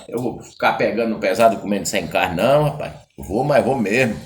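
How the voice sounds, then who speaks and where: A man's voice: on the low side, lively intonation, fairly quick, a little hiss or hum, voice pushed down, close to an everyday voice. Man doing a blunt caipira hunter. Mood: stubborn. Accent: Brazilian caipira. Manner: blunt, gruff, cursing. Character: stubborn rough rural hunter man.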